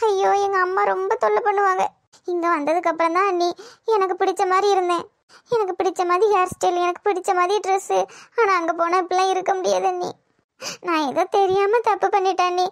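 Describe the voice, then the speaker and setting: A frightened young unmarried woman in love pleads through her tears, voiced by a woman. Her voice sits very high, and her Tirunelveli Tamil accent comes through clearly. The recording is dry and close, typical of cartoon dubbing. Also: dry recording. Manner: pleading, tearful. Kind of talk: cartoon voice acting.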